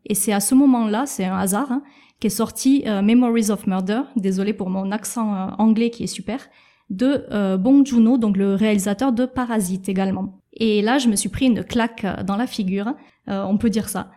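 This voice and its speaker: Mellow-voiced woman, calm podcast co-host. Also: medium pitch. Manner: measured, explanatory, with soft hesitations. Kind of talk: casual podcast chat.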